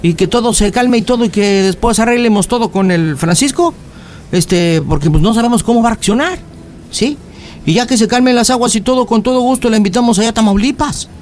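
A man's voice: very high-pitched, brisk, darkish tone, slight background noise. A man putting on a pleading young boyfriend. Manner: pleading, swears oaths, wheedling. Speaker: radio prank caller. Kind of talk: radio prank call.

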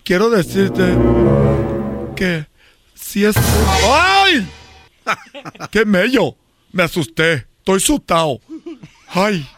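A man's voice: high voice, very animated, drawn-out words, long pauses, loud music behind the voice. A man performing a comic radio parody sketch, switching between several made-up voices.

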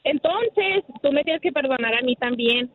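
A woman's voice: high-pitched, expressive, moderate pace, a little hiss or hum. A woman calling in to a radio show, candid and a little hesitant. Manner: hesitant, restarts words, candid. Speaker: caller. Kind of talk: phone-in conversation. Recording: tinny phone line with studio chatter.

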